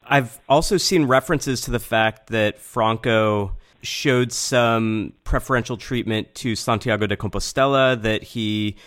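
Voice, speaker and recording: A man's voice: mid-range voice, measured pace, hardly any pauses, a bit bright, clean tone. A man hosting a podcast, asking inquisitive, carefully framed questions. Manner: inquisitive, brief acknowledgments. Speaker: podcast host. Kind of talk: interviewing.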